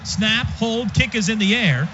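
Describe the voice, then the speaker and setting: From a stadium radio booth, a high-pitched man gives unhurried, clipped play-by-play of a football game live on the radio. The broadcast sounds dull, and crowd and stadium noise come through clearly behind him.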